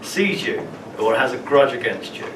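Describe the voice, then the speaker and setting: A man performs spoken-word storytelling at an open mic night, stumbling over and repeating words mid-sentence. He sounds distant from the mic, his voice bouncing around a live room with steady crowd-space murmur behind him. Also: mid-range voice. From London, England. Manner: halting, restarts and repeats words while telling his story. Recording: roomy, distant, with room ambience noise.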